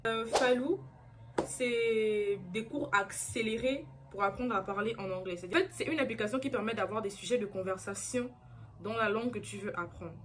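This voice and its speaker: A young woman talks straight to the camera in a relaxed vlog. She is earnest and chatty, circles back on her points and fills pauses often. Her voice sits at an ordinary middle pitch. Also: noisy background. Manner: chatty, earnest, repeats herself with many fillers. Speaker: vlogger. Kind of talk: casual chat to camera.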